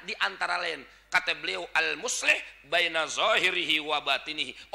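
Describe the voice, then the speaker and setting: Betawi male preacher, high, sharp bright tone, humorous sermon with loud bursts. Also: gravelly. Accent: Betawi Jakarta. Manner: jokey, swings between quiet asides and shouted points. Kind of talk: Sunday dawn sermon.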